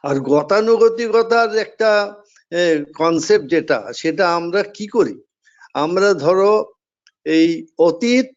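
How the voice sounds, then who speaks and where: A man giving a measured devotional discourse, explaining and repeating key phrases as he goes. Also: high voice, lo-fi sound. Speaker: spiritual speaker.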